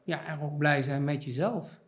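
A middle-aged man, an author appearing as a podcast guest, talks reflectively in a casual chat in a podcast studio, using many fillers and repeated words. His voice is a little high, at normal speed.

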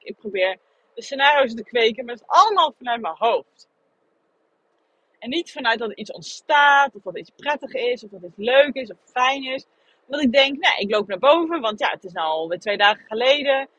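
A woman's voice: on the high side, bright, forceful tone, breathy edge, no echo. A woman hosting a podcast, speaking candidly and thinking aloud in a reflective personal monologue. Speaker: podcast host. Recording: dull lo-fi recording.

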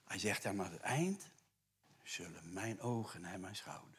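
A man preaching a sermon to a congregation, conversational and animated, dropping to hushed whispers for scripture and rising to loud emphatic bursts. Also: low-pitched, measured pace, slightly rough. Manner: conversational asides with tag questions. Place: church.

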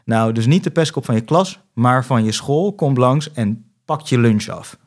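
A young man from the Netherlands sits in as a podcast guest, telling a long story in a loose, conversational way. His voice sits mid-range, and he slips into quick impressions when he recounts phone calls. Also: medium pitch, animated. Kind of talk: casual storytelling chat.

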